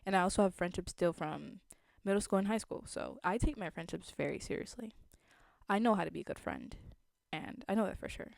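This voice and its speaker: A woman's voice: lowish voice, fairly quick, creaky, no echo, clean studio sound. A young adult woman with a slight lisp, chatting casually to viewers as a vlogger in an earnest, reflective, conversational way.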